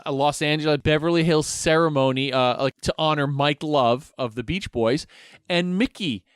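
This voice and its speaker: A man's voice: a little high, normal speed, clean tone, no echo. A man telling long rambling anecdotes as a podcast guest, with many restarts. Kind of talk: casual storytelling.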